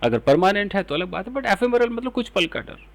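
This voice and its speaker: A man's voice: high voice, sing-song, creaky. Man teaching English vocabulary in Hindi. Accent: Indian English. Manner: explains in Hindi, reads English example sentences slowly. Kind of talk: vocabulary lesson.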